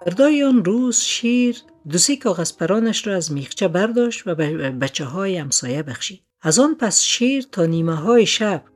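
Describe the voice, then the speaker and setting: Narrator, mid pitch, measured storybook read, soft music under. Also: lively intonation. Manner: measured, descriptive. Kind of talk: scripted story reading.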